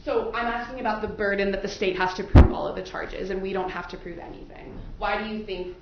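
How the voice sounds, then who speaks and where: Fairly quick and steady in tone, a mid-range female voice belongs to a defense attorney questioning prospective jurors. She explains things conversationally and informally into a courtroom microphone, with the audio echoey, muffled and noisy.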